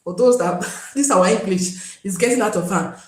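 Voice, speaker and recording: A woman's voice: mid-range voice, moderate pace, a little mellow, roomy sound, rough recording. A Nigerian woman hosting a live stream, chatting casually and pleading with viewers to join. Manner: pleading, chatty, switches into pidgin.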